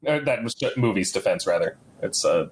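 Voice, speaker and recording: A man's voice: lowish voice, lively intonation, brisk. A man co-hosting a casual, informal group chat about a video game, throwing in quotes and the odd swear. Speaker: podcast co-host.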